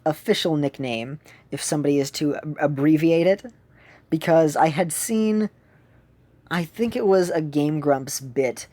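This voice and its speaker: A woman's voice: low-pitched, mellow. A woman streamer chatting casually while she plays a game, rambling and often correcting herself. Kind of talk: casual chat while gaming.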